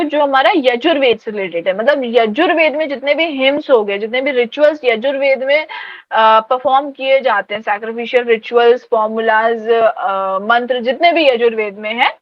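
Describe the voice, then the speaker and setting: A woman's voice: a little high, no room sound, dull audio. A woman teacher giving an exam-prep lecture, mixing Hindi and English terms, hesitating and restarting often.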